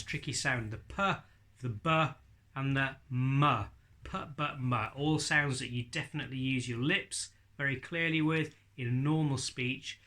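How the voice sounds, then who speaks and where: A man's voice: medium pitch, bright, forceful tone. A man in his forties giving an informal spoken tutorial, explaining and demonstrating speech sounds as a ventriloquism teacher. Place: living room with bookshelves and leather sofa.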